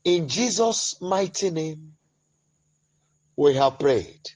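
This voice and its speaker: Husky, impassioned Nigerian preacher man. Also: fairly high pitch, lively intonation. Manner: impassioned, shouted declarations with long drawn-out words. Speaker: prophet leading prayer. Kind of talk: fervent prayer session.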